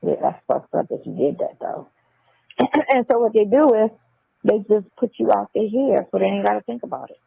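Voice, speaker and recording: This woman's mid-range voice is animated, with vocal fry and a breathy edge, at a moderate pace with no echo. She talks bluntly and casually on a jail phone call, the line tinny and band-limited, and repeats phrases to drive points home.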